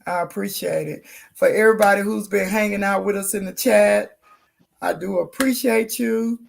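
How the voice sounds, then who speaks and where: Hoarse gravelly woman hosting a livestream. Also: mid-range voice, moderate pace. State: hoarse, losing her voice. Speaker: livestream host. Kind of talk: casual livestream chat.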